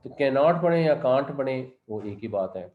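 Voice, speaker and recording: Male Quran teacher at a mid pitch, explaining grammar step by step, a slightly muffled recording. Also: lively intonation, fairly quick. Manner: explains grammar step by step, recites Arabic verses then translates. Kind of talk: Quran commentary lesson.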